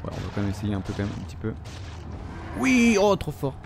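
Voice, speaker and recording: A man's voice: fairly low pitch, huge pitch swings, fairly quick, vocal fry, heavy background noise. A young man with a French accent commentating his gameplay, swearing constantly and scolding the characters on screen. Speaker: gamer.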